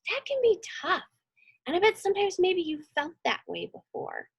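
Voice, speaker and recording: A teacher hosting a children's read-along reads a storybook aloud and chats informally with the kids, encouraging them and often asking questions. Her voice is very high-pitched with wildly swooping pitch, gravelly, at a moderate pace, and the sound is lo-fi.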